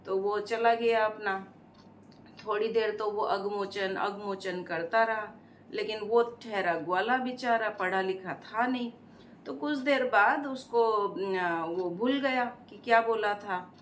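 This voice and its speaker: Slow-spoken woman spiritual teacher. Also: medium pitch. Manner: measured, storytelling, earnest. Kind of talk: devotional storytelling sermon. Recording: roomy echo, faint noise.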